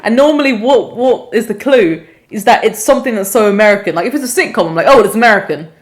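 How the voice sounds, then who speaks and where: A woman's voice: fairly high pitch, lively intonation, fast. A young English woman co-hosting a casual podcast, rambling and self-deprecating, swearing now and then. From England. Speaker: podcast co-host. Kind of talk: casual chat.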